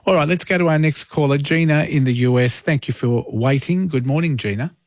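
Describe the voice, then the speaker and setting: A man's voice: fairly high pitch, a little fast. A man with an Australian accent hosting a live overnight phone-in, chatting in a hesitant, conversational way. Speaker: overnight talk radio host. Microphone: close studio microphone.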